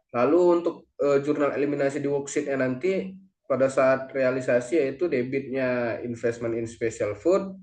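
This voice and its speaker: An accounting lecturer or presenter walks through a lesson step by step, occasionally halting to correct himself. His mid-pitched voice has a darkish tone. The recording is echoey, with noticeable room reverberation.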